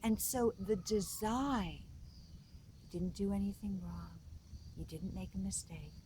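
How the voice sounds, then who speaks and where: Gentle woman giving a spiritual talk. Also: mid-range voice, unhurried, a little hiss or hum. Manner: gentle, repeats key phrases for emphasis. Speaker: spiritual coach.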